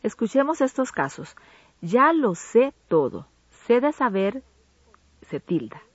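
A woman co-hosting an educational radio program, reading a Spanish grammar lesson in a measured, didactic way. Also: a little high, big pitch swings, breathy edge, no room sound. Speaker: co-host of a language program. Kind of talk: scripted educational radio narration. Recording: dull lo-fi broadcast audio.

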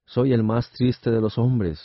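A man's voice: medium pitch, slow pace, no echo. Man playing a greedy old king. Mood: grieving. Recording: dull lo-fi radio recording.

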